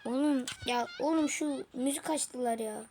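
A woman giving excitable, slangy play-by-play commentary while gaming, talking to her viewers and her teammates. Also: high-pitched, measured pace. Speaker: gaming video creator. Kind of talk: live let's-play commentary. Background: game music.

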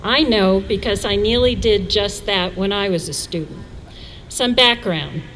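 A woman in her sixties from New York City, giving a measured, storytelling convocation address as chair of the trustees. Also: medium pitch, a bit bright, a little hiss or hum, poor audio. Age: 60s. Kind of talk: formal speech.

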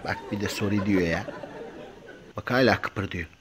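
A man voicing an irritated, grumpy cat, muttering low and annoyed. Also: unhurried, a bit bright, some chatter behind, a little hiss or hum.

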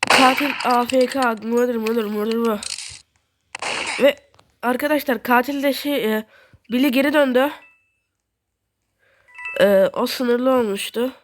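A young woman giving casual, excitable commentary while playing a game and talking to her viewers. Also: fairly high pitch, unhurried, pauses often, slight background noise. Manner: chatty, excitable, talks to viewers. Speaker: gaming video host.

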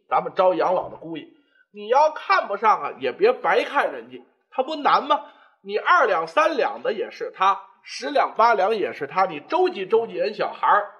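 A male storyteller voicing a sharp-tongued older wife who scolds her husband sarcastically. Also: high-pitched, muffled recording, heavily acted.

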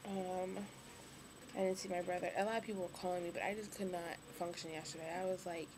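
A young woman speaking casually to camera, tired and weak after surgery, low on energy and hesitant. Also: steady tone, fast. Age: young adult. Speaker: vlogger. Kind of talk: casual video diary. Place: hospital room. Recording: clearly noisy webcam recording, room ambience.

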